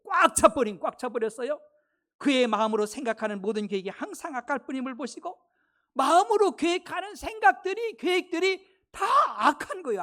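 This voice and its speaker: A man delivering a sermon in a church sanctuary. He talks to his congregation conversationally and keeps asking them rhetorical questions. His volume swings widely, from loud exclamations down to quiet, hushed asides. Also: very high-pitched, gravelly. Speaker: pastor.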